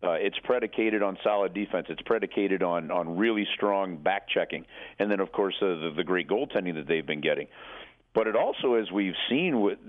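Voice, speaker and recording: A man's voice: sits low, a little fast. A man giving emphatic hockey analysis as a radio commentator, calling in over the telephone and repeating words as he explains. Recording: narrow, tinny phone line.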